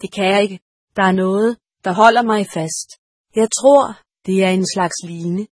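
A woman voicing a big, frightened, burly soldier with a gruff, disbelieving manner in an audiobook. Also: mid-range voice, dry recording, studio quality, lightly acted. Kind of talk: audiobook character reading.

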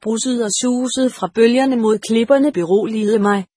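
Woman reading a storybook, calm, husky-ish, dead dry sound. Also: a little high, dry recording. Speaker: audiobook reader. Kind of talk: storybook narration read aloud.

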